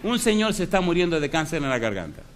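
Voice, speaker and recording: A man's voice: fairly high pitch, very animated, fast, a faint crowd. A middle-aged man preaching a sermon as a pastor, who tells stories with acted dialogue and keeps asking the congregation questions.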